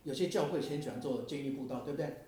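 A man's voice: mid-range voice, racing, dark tone, slight background noise. A man preaching a sermon, telling stories and asking the audience questions in a conversational way. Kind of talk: sermon with storytelling. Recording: very echoey hall sound.

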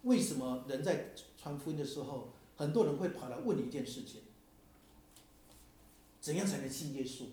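A man's voice: fairly high pitch, expressive, normal speed, pauses often, warm tone. A man preaching a sermon, telling stories and asking the audience questions in a conversational way. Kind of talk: sermon with storytelling. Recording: very echoey hall sound.

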